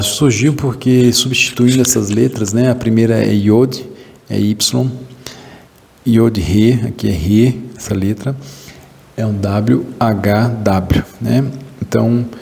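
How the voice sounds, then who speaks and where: Brazilian guy teaching a class, dark mellow voice, stop-start with lots of tag questions, long echoey hall. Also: mid-range voice, vocal fry. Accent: Brazilian Portuguese. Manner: halting, many restarts and "né?" tags. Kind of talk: recorded class lecture.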